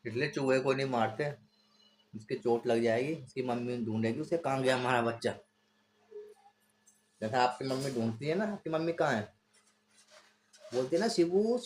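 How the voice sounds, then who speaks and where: A man's voice: mid-range voice, fairly bright tone. A man is casually vlogging at home. He is chatting playfully and chuckling with his toddler. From Uttarakhand, India. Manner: playful, chuckling, sing-song teasing with a small child. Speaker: family vlogger. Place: family home, indoors. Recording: noisy home phone recording.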